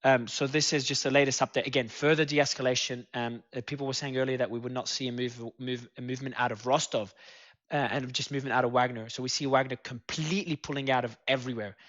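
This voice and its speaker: A man hosting a live news panel discussion, talking haltingly with many fillers and restarts. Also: mid-range voice, steady tone, fairly bright tone, lo-fi sound. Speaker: host.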